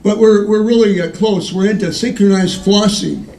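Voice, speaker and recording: A man doing stand-up in a zany, halting, old-fashioned borscht belt style, telling corny one-liners. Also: high voice, steady tone, a little mellow. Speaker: stand-up comedian. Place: live comedy show before an audience. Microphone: far from the recording mic. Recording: distant echoey live room with audience noise.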